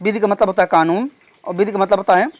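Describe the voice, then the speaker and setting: A man's voice: sits high, steady tone. Man teaching, birds and crickets behind. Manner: explains step by step, reads questions slowly, repeats "theek hai". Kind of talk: exam paper walkthrough lesson.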